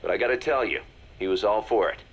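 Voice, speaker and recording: A male actor with a fairly low voice plays a serious military second-in-command in a video game. He briefs in a measured, businesslike fashion.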